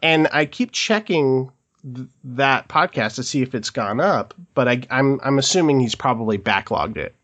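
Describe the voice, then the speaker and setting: A man's voice: medium pitch, animated, a bit bright. A man hosting a movie review podcast in casual chat, with a slightly froggy morning voice. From Utah. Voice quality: slight morning vocal fry. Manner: chatty, quick asides with hedging fillers. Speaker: podcast host. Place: Los Angeles area.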